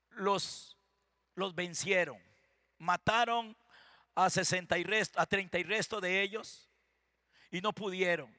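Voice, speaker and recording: Fervent Costa Rican pastor, male, very high and bright, presses the congregation with questions. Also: gravelly, no echo, clean studio sound. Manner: fervent, keeps calling out to the congregation; rhetorical questions to the listeners. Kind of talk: sermon.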